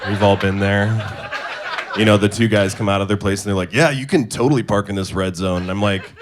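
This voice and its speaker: A young man from Indonesia performing a stand-up comedy set, delivering absurd punchlines in a deadpan way on a club stage. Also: on the low side, fairly quick, a crowd in the background. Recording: live club set with clear audience noise.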